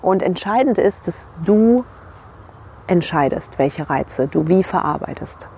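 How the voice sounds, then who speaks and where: A woman with a somewhat low voice coaches the listener in a calm, reflective way and often checks in with a quick tag question. She talks straight to camera outdoors by a river. Faint ambience hums behind her. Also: creaky, slight background noise. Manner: reflective, addresses the viewer directly with tag questions. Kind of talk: motivational talk to camera.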